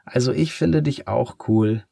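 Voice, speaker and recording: A man voicing an excitable, curious schoolboy whose voice cracks upward with excitement. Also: medium pitch, measured pace, vocal fry, no echo, studio quality, pitched above the performer's own voice.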